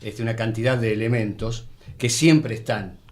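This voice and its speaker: A mature man, middle-aged or older, with a Buenos Aires area Argentine accent is an interview guest who works as a radio actor and announcer. He tells anecdotes conversationally, thinking aloud as he goes, at a moderate pace in a lowish, a little mellow voice with fairly even intonation.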